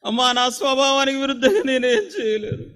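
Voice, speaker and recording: A man's voice: extremely high pitch, animated, fairly quick, a bit bright, pitched above the performer's own voice. God pleading with his children, voiced by a male preacher. Raised, tender and repetitive, in a ringing hall.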